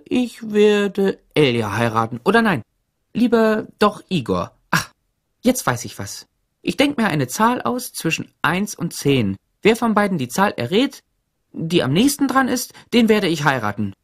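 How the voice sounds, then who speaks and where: A man reading an audiobook, voicing an indecisive young village woman in a high, fluttering voice. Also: wildly swooping pitch, unhurried, heavily acted. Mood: flustered.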